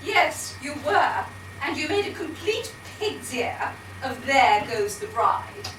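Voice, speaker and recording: A woman's voice: sits high, sing-song, slow, heavily acted. A woman playing a bossy, exasperated royal bride in broad, theatrical amateur pantomime style. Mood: scornful. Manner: imperious, theatrical, scolding. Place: hall stage, distant microphone, audience behind. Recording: echoey stage from far off, audience noise.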